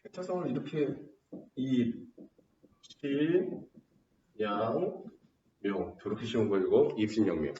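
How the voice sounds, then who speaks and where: A man teaching a high school Korean class, telling a story in an animated way and quizzing students with questions. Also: a little slow, pauses often, a little hiss or hum. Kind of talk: classroom lecture. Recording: roomy, distant, dull classroom recording.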